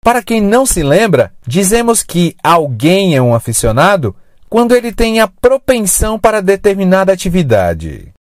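An English teacher narrating a scripted lesson, modelling words slowly and clearly. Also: mid-range voice, sing-song, no room sound, clean studio sound. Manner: slow, clear, drawn-out word modelling.

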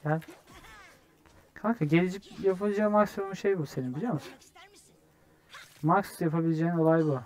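Young guy streaming a game, kinda high voice, gets loud and fired up at teammates, swears a lot. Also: moderate pace, pauses often. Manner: excitable, yells at teammates, swears when frustrated. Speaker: gamer streamer. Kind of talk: live gameplay commentary.

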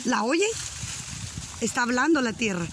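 A woman's voice: on the high side, lively intonation, unhurried, fairly bright tone, a little hiss or hum. A Honduran woman chatting and teasing as she films a walk along a rural riverbank, laughing often. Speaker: vlogger. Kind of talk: casual walking vlog. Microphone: handheld camera while walking.

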